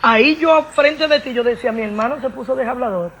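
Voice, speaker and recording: A woman's voice: fairly high pitch, fairly quick, fairly bright tone, slight background noise. Earnest woman telling her testimony. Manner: earnest, repeats phrases, acts out voices in her story. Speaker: guest giving a testimony. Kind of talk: emotional personal testimony.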